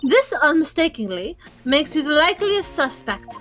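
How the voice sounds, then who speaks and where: A woman's voice: sits high, big pitch swings, normal speed, fairly bright tone, faint music behind. A woman voicing an arrogant, cold young female prosecutor in a sleepy, drawling way. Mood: condescending.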